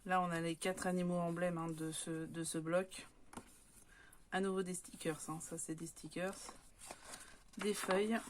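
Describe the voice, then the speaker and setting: A woman's voice: lowish voice, level tone, a little slow, long pauses, slight background noise. A woman from France chatting casually as she shows off craft papers, with many hesitant fillers. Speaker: scrapbooking vlogger.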